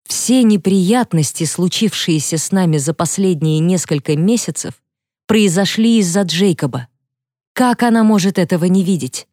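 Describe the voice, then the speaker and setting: A woman narrating a first-person audiobook in an even, measured way. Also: fairly low pitch, dry recording, clean studio sound. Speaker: audiobook reader.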